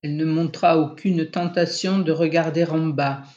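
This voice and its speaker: An audiobook reader narrating a literary novel in a measured, unhurried storytelling manner. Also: medium pitch, steady tone, darkish tone, lo-fi sound.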